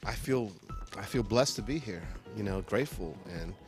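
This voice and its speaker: A man's voice: fairly low pitch, lively intonation, normal speed, music in the background. A man, an actor, talking enthusiastically and effusively in a casual interview.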